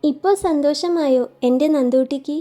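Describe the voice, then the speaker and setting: A woman narrator voicing an affectionate young man, speaking soft and teasing. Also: sits high, moderate pace, faint music behind, close to an everyday voice. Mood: tender.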